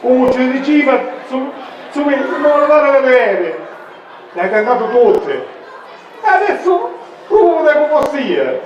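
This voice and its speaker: A man's voice: very high-pitched, very animated, slow, dull audio, some chatter behind, a little hiss or hum, full character voice. An actor playing a simple-minded, eager married villager with a Sicilian accent, pleading and repeating his pet phrase in an amateur dialect stage comedy. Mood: nervous, confiding. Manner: repetitive verbal tic, pleading. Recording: very echoey hall from far off, audience.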